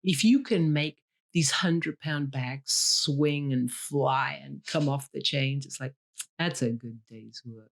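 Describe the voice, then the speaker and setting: A novelist from Leeds, Yorkshire, England, answers interview questions over a call, candid and dryly humorous, with frequent ums. Her voice is extremely low, slow, and creaky.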